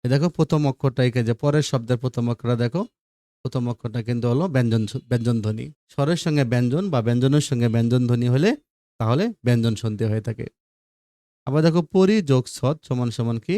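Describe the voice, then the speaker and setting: A male teacher works through grammar examples one after another and keeps checking that his students follow. His voice is mellow and warm. The recording is dry and close. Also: mid-range voice, quick pace, no room sound.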